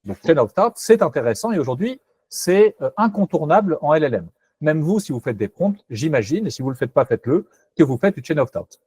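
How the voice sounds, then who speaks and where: A man's voice: a little high, very animated, fairly quick, darkish tone, husky, no room sound. A man presenting a technical webinar, hesitant and self-correcting, candid and skeptical in tone.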